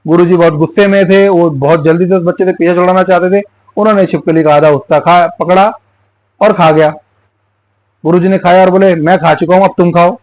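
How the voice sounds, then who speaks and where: A man hosts his channel, turning a folk tale into political commentary. He talks in a fairly high voice and leans on repetition for emphasis. The sound is dry, with no room around it. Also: steady tone, a little fast, a little mellow, dry recording, low-quality recording. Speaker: YouTube channel host.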